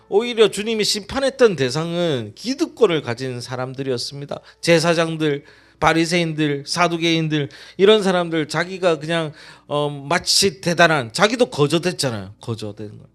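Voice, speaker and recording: A man's voice: fairly high pitch, moderate pace. A male pastor preaching a sermon, leading the congregation in reading and asking them questions. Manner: lively sermon with call-and-response reading.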